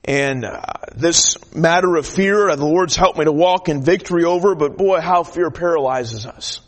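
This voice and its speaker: High-voiced earnest male preacher. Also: moderate pace. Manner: earnest, restarts often, builds to emphatic declarations; shy by nature. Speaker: traveling preacher. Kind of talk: sermon.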